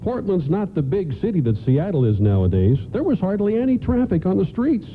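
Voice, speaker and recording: Man acting as cheerful 1950s family man, folksy, animated pitch, radio play, narrow tinny band, faint noise. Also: fairly quick. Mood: warm, upbeat. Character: Jim Larson, cheerful hardworking 1950s husband and father.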